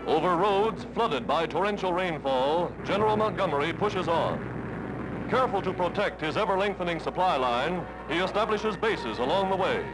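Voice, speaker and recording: A man narrating a 1940s newsreel in a brisk, emphatic announcing style. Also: high-pitched, animated, rough recording. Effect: old newsreel. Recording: old 1940s newsreel soundtrack with loud music. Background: loud brass music.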